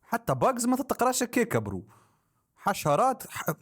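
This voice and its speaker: A man giving live-stream reaction commentary on a rap song, talking in excitable, repetitive bursts with mock-exasperated exclamations. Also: very high voice, brisk.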